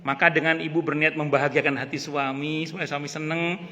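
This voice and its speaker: Bright-voiced man lecturing in a mosque. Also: on the high side, fairly quick, a little hiss or hum. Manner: lively, joking asides, repeats key phrases. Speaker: ustadz teaching a mosque study group. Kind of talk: casual religious lecture. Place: mosque hall. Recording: long hall reverb.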